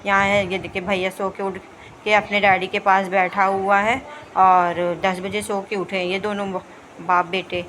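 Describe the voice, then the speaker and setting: A young woman talks the viewer through her household routine in a chatty, casual voice-over. Her pitch sits in an ordinary middle range but barely moves, giving an even, level delivery. A faint layer of household noise sits beneath her voice. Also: normal speed. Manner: chatty, running commentary on home routine. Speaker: vlogger. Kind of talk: casual vlog narration. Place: home.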